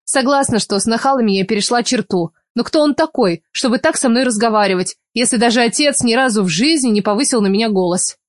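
Expressive woman reading a novel aloud. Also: on the high side, quick pace, hardly any pauses, no room sound, studio quality. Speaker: audiobook narrator. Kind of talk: first-person novel narration.

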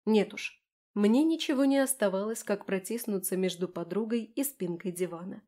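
A woman narrating a first-person audiobook in a wry, expressive way. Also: medium pitch, normal speed.

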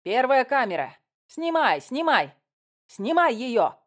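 A woman's voice: high-pitched, sing-song, slow, pitched above the performer's own voice, exaggerated voice. A woman reading an audiobook, voicing a bossy female TV director who barks commands. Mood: barking orders. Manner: barking commands.

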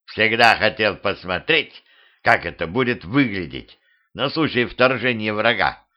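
A man's voice: lowish voice, slow pace, highs cut off. A man voicing a smug, wisecracking male skeleton that drawls and teases, in a homemade audiobook. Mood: gloating.

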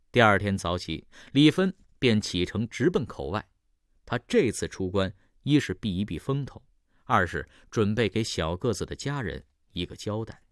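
A storyteller with a lowish male voice narrates a traditional Chinese tale with dramatic flair, his delivery swelling and falling with the action. The recording is clean studio sound with no echo.

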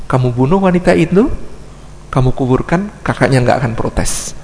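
A man's voice: medium pitch, expressive, moderate pace, a little mellow, lightly acted. A man voicing a sly male devil who coaxes and mock-pities his victim, with a long hall reverb. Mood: hushed coaxing. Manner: coaxing, wheedling, mock-pitying.

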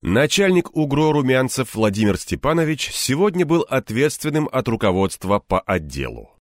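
A man narrating an audiobook in the first person, expressive and acting out the tension. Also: medium pitch, moderate pace, no echo, clean studio sound.

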